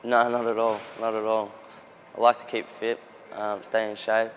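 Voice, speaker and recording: A man's voice: fairly low pitch, level tone, normal speed, slight background noise. A young Australian soccer player answering interview questions in an earnest, casual way, often restarting his sentences. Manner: earnest, with frequent restarts and fillers. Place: outdoors near a gym in a built-up area.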